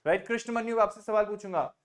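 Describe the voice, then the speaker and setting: A man's voice: high voice, fast. A man teaching spoken English on a video call, patiently repeating examples and mixing Hindi with English. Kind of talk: online spoken English lesson.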